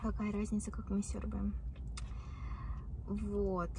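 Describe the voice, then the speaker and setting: A woman's voice: mid-range voice, monotone, slow, noisy background. A woman vlogger chatting casually to camera while eating with a spoon, talking between bites. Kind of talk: casual mukbang chat to camera.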